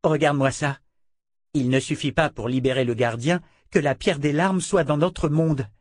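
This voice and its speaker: A man reading an audiobook, voicing an excitable young male scholar who talks in eager bursts. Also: fairly high pitch, normal speed, no room sound, close to an everyday voice. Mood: explaining. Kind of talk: audiobook character voice.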